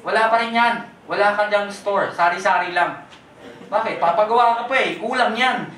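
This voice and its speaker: A presenter pitches a business opportunity to a live crowd, quizzing people with quick questions and teasing jokes. The voice sits at a middle pitch and sounds distant from the mic. It rings through a reverberant event hall. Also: a bit bright. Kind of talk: lively sales pitch, mixing Tagalog with English.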